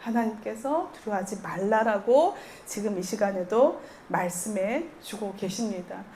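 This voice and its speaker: A woman's voice: medium pitch, lively intonation, measured pace, darkish tone, slight background noise. A woman pastor preaching a sermon to her congregation, earnest and storytelling, acting out quoted voices and laughing lightly with the people.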